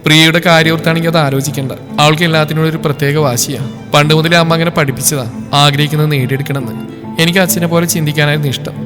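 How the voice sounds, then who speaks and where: An earnest younger sister makes her case quickly and directly , read by a male narrator in his own voice. His voice sits fairly high, and a hall echo with faint music trails the reading. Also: fairly even intonation, natural voice.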